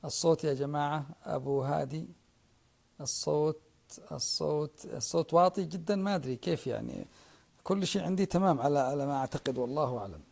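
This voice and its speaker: Fast gravelly-voiced man preaching. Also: on the high side, darkish tone. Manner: earnest preaching, addresses listeners directly, repeats names for emphasis. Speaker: sheikh giving a religious lecture. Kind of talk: religious lecture to an online audience.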